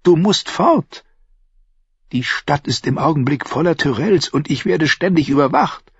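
Male narrator as a wry, anxious lord, raised husky voice, dull dry audio. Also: a little high, expressive, unhurried, no room sound, pitched above the performer's own voice, exaggerated voice. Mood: urgent. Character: short nobleman, sardonic, worried, commanding. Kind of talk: audiobook character voice.

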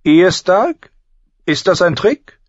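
Haughty storybook queen, sharp and commanding, from a man lifting his voice high. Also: big pitch swings, takes it slowly, no echo, dull audio, exaggerated voice. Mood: suspicious.

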